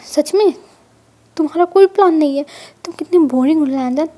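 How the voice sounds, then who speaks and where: A woman's voice: sits high, steady tone, brisk, dark tone. A woman voicing a sensitive, teasing young man in a storybook reading, in her own plain voice. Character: young man, emotional, teasing, secretly sad.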